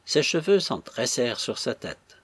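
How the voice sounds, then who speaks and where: Husky male audiobook narrator. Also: medium pitch, sing-song, unhurried, a bit bright, no room sound.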